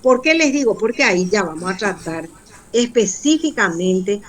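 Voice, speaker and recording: A woman with a Paraguayan accent, teaching a language class and explaining exercises in an unhurried, methodical way. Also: mid-range voice, animated. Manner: slow, switching between two languages.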